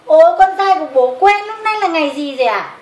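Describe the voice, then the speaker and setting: Lady playing proud doting daddy bear in a kids puppet story, high voice, echoey room. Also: expressive, fast talker. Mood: affectionate. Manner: exclamatory, doting. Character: proud, affectionate father bear. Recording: roomy echo with clear background noise.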